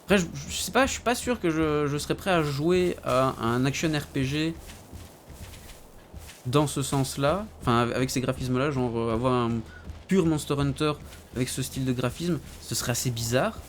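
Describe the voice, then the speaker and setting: A man streaming a game, chatting casually with his viewers in slangy, relaxed talk. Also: mid-range voice, normal speed, slight background noise. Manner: laid-back, slangy, talks to chat by name.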